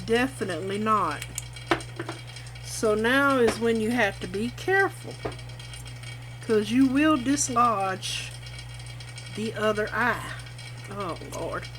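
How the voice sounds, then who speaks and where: A woman's voice: on the high side, slow, pauses often. A woman giving a casual, folksy craft demonstration, chatting to herself as she works, with machine noise behind her. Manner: folksy, informal, talks to herself while working. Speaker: craft tutorial host. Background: running machine, vacuum pump.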